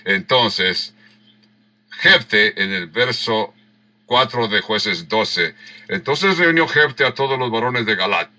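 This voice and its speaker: A male pastor with a very bright, forceful voice, teaching scripture at an unhurried pace. He works through the passage line by line, repeating key words to make the sounds clear. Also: on the low side, expressive. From Mexico. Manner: unhurried, rereads verses and acts out the quoted lines; explains word sounds with emphatic repeats. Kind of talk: sermon teaching verse by verse.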